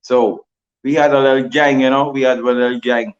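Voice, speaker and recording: A man's voice: mid-range voice, steady tone, a little fast, highs cut off. A Bahamian man giving a livestream interview, rambling and repeating himself with lots of "you know". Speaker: guest.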